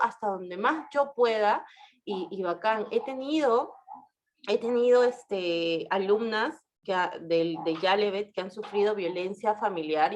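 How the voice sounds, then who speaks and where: A woman lawyer giving a casual talk full of anecdotes. She often ends her sentences with a tag question and shifts her voice when she quotes people. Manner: storytelling with frequent tag questions; animated, shifts pitch for quoted speech.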